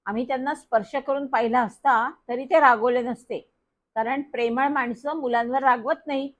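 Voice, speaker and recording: A woman's voice: sits high, normal speed. Woman reading a children's story aloud. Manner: lively, expressive storytelling. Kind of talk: storybook reading in first person.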